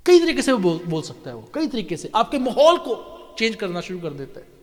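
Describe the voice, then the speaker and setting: A male pastor giving a lively sermon, often asking his congregation questions and slipping in English phrases. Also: high voice, a little fast, big-room sound. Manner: animated preaching, asks the congregation questions, mixes in English. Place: church hall.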